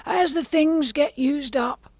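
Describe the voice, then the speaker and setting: A woman voicing an eccentric, huffy male storybook Hatter with an emphatic, drawn-out, theatrical delivery. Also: sits high, darkish tone, no room sound, voice pushed up. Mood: pert, triumphant.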